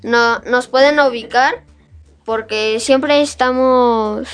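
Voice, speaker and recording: Higher-voiced scout guest woman. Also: slow pace, soft background music. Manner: explanatory, steady. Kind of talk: casual radio chat.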